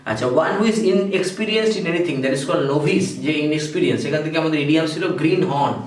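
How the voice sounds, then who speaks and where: A man's voice: a little high, distant mic. Bengali-accented male teacher in an echoey room. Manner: reads English definitions slowly, then explains briskly and quizzes. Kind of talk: exam-prep vocabulary lesson. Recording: echoey room, voice off-mic, faint hiss.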